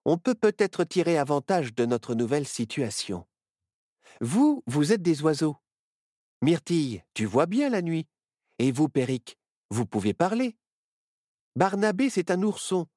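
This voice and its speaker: A man doing a young boy changed into a fox, his voice lifted well above the reader's own. Worried but quick-witted, he speaks up close in a dry read. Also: on the high side, very animated, darkish tone, no echo, pitched above the performer's own voice. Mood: thoughtful.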